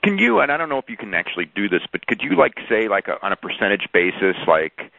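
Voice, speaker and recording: A man with a low voice comes through a narrow, dry telephone connection. He is a sports reporter on a press call, and his questions are long and stumbling. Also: sing-song, quick pace, creaky, no room sound. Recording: narrow, muffled telephone line.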